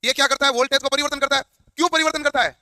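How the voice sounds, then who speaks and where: A man's voice: very high-pitched, steady tone, rapid-fire, sharp tone, no echo, studio quality. A man teaching a class, firing questions at his students and answering them himself. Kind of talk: classroom lecture.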